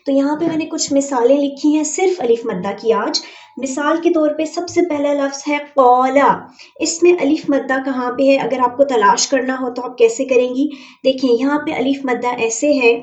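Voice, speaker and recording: Young female tajweed teacher, Urdu accent, high and patient, drawn-out demonstrations, muffled distant home recording. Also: darkish tone, echoey room. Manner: patient, stretches example words slowly to demonstrate. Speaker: Quran teacher. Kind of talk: online tajweed lesson.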